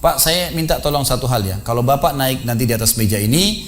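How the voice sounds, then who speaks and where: A male preacher speaks quickly, in an animated storytelling style, acting out the people he describes. He breaks into sudden loud, emphatic bursts as he addresses a congregation in a mosque hall. His voice sits at a middling pitch. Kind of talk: sermon.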